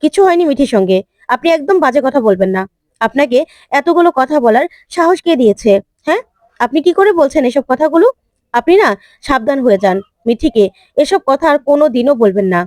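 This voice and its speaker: Woman playing angry young husband, sharp scolding, high voice, dry sound. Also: expressive, brisk, no room sound. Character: angry young man defending his wife.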